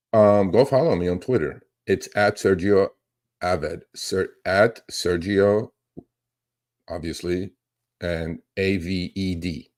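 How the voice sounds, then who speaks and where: A man with a deep, low-set, slightly mellow voice hosts a casual, unscripted livestream, rambling but emphatic like a trader teaching his audience. He keeps tagging his points with quick check-ins like "okay?" and "right?" to make sure everyone follows.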